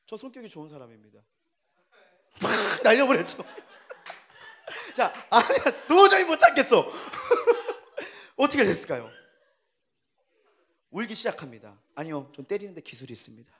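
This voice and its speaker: A man's voice: very high-pitched, normal speed. A man preaching a sermon as pastor, telling a story with laughter and acted-out dialogue. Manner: lively storytelling, acting out family quarrels with laughter. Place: church sanctuary.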